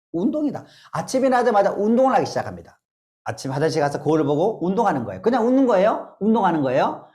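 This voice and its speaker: A woman's voice: medium pitch, a little mellow. A middle-aged woman leading a laughter therapy lecture, drilling the audience with call-and-response and bursts of laughter. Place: lecture hall.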